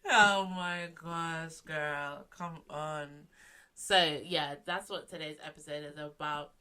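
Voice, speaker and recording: A woman co-hosts a casual podcast chat, her voice sitting notably low. She talks loosely, laughs often and trails off into restarts. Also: fairly even intonation, takes it slowly, bright, forceful tone, clean tone. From London. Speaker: podcast co-host.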